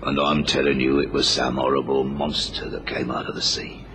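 A proud old village fisherman in a vintage radio play. The voice is very low, blunt and folksy, ready for an argument, and sits in a clearly noisy old recording. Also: little pitch movement, moderate pace. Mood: grave warning. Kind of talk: old radio drama acting.

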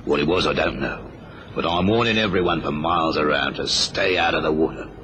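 A proud old village fisherman in a vintage radio play. The voice is very low, blunt and folksy, ready for an argument, and sits in a clearly noisy old recording. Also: a little fast, pushed and bright. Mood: grave warning. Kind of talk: old radio drama acting.

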